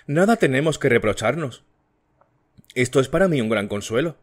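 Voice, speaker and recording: A man's voice: medium pitch, expressive, normal speed, lightly acted. A man voicing a sly, fearful older woman servant who dodges questions, in an audiobook. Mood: evasive.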